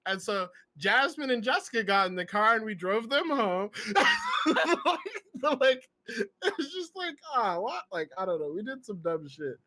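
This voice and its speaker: A man's voice: high voice, wildly swooping pitch, measured pace, sharp tone. A young man hosting a casual podcast chat, telling stories and laughing often as he acts out quoted lines. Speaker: podcast host.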